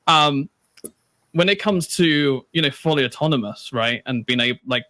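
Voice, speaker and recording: A man's voice: fairly high pitch, sharp tone, no echo. A man moderating a panel discussion in a conversational way, with frequent fillers. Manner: conversational, uses fillers, quick asides.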